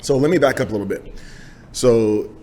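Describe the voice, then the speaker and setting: A man's voice: mid-range voice, normal speed, slight background noise. A man hosting a podcast interview, chatting loosely with lots of fillers and easy yeahs, recorded in a small home gym. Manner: relaxed, loose talk with many fillers and repeated yeahs. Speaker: podcast host. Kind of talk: casual interview.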